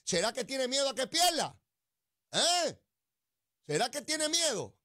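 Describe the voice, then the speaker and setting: A man's voice: very high-pitched, sing-song, measured pace, noisy background. Sarcastic Puerto Rican political commentator, man. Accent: Puerto Rican Spanish. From Puerto Rico. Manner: sarcastic, mocking, mimics crying whiny voices.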